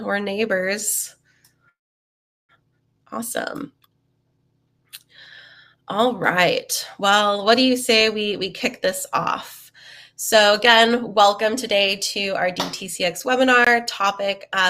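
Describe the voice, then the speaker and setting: Here a young woman hosts a live webinar in a medium-pitched voice that sounds pushed and bright. She's a bit sniffly from a cold she's getting over, and she chats away upbeat, with lots of ums and uhs.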